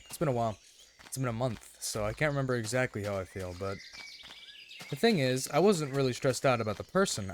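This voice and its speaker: A gaming video host with a medium-pitched, slightly raspy, rough-throated voice gives casual, rambling gameplay commentary. He comes across as earnest and keeps checking in as he plays, with slight background noise.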